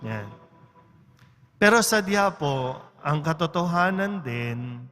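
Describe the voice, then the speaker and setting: A male priest reading the gospel and giving a homily in a large church, measured and conversational, often adding little tag questions. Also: on the high side, lively intonation, a bit bright. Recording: reverberant church with faint music.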